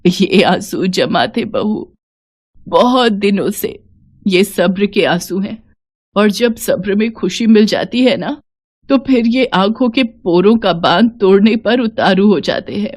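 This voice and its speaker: A woman voicing a gentle, loving old mother-in-law who speaks softly and slowly. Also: sits low. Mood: tender. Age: older.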